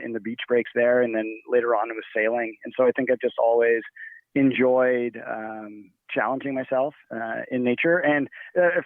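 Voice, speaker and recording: Speaking over a thin, phone-like connection with no echo, a guest raised in Nigeria has a gravelly voice at a middle pitch. His interview answers ramble, full of fillers and false starts.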